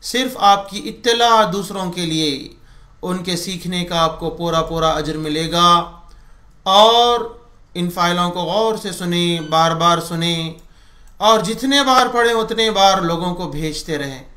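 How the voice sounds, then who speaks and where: A man teaching Arabic letter sounds in a recorded audio lesson, drilling syllables slowly with short instructions. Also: high voice, pushed and bright, reverberant.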